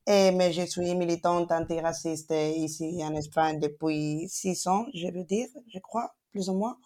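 A woman's voice: fairly low pitch, steady tone, unhurried, dark tone. A woman in her twenties from Spain, not a native French speaker, who speaks with a Spanish accent and talks hesitantly as a podcast guest, searching for words. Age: 20s. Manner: hesitant, searching for words, apologetic, laughs often. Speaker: guest, antiracist activist. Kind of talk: casual podcast conversation.

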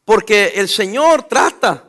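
A man preaching a lively sermon as pastor, talking straight to his congregation. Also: high voice, takes it slowly.

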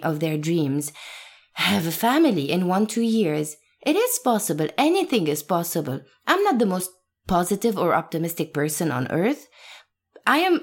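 In a reflective interview, a woman in her thirties from Lebanon, an actress, talks earnestly and emphatically and laughs from time to time. Her voice is mid-range and a little mellow.

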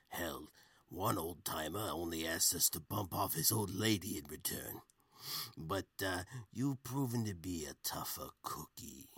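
A man voicing a menacing middle-aged mob boss who talks in a slow, streetwise gangster drawl in a comedic audio story. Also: a bass voice, creaky, fairly bright tone, slightly rough, no room sound, pitched below the performer's own voice, full character voice.

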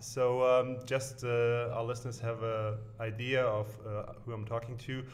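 A man's voice: mid-range voice, flat delivery, measured pace. A man hosts a podcast interview in a casual, easygoing manner. He asks his questions with frequent small hesitations. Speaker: podcast host.

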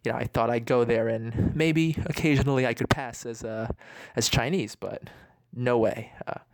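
A young American man in his early twenties recording a reflective, casual audio letter, pausing often as he thinks. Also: medium pitch, fairly even intonation, gravelly, no echo. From New York, United States. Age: early 20s. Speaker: university student exchanging audio letters. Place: dorm room.

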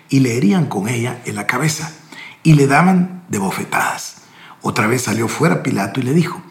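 A man's voice: mid-range voice, creaky. A man preaching, reading scripture aloud with emphatic, rising delivery and then commenting on it. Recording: echoey room.

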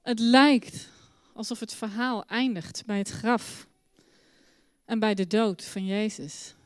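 A woman telling a Bible story to children in church, with a lively, expressive storytelling manner. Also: medium pitch, slow pace, smooth, no echo.

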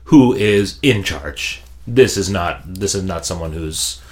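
A man hosting a podcast interview, asking long questions with many halting restarts and repeated words. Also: deep voice, expressive. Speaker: podcast host. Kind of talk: conversational interview.

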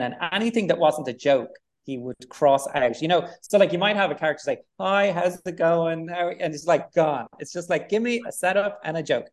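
A man with a Dublin accent, a film director talking casually in an interview, rambling with lots of fillers. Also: on the high side. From Ireland. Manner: rambling, relaxed, many fillers.

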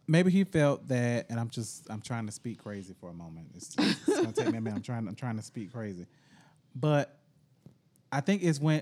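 A man's voice: mid-range voice, darkish tone. A man co-hosting a casual podcast, teasing his friend and musing on life. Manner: teasing, playful, philosophizing. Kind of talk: casual chat.

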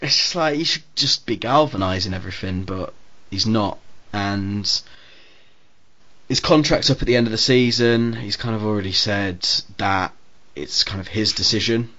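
A man hosts a casual podcast, talking through his views in a loose, opinionated way. His voice sits on the low side. The recording is dull and lo-fi. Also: normal speed, a bit bright. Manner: chatty, opinionated, laughs easily. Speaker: podcast host. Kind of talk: casual chat.

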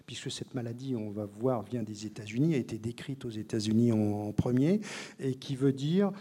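A man's voice: medium pitch, moderate pace, dark tone, husky. A male doctor and author explaining things in an interview, in a didactic tone with frequent hesitations. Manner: didactic, many fillers and restarts.

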